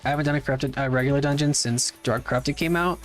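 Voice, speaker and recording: A man's voice: mid-range voice, steady tone, fast talker, faint music behind. Laid-back male game streamer. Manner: laid-back, chatty, reads chat aloud and answers. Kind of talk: casual livestream chat while playing.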